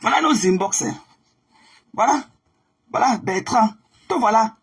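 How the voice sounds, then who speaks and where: A woman's voice: on the high side, expressive, unhurried, breathy edge. A woman hosting a live stream, confronting and mocking a rival in a repetitive, combative way.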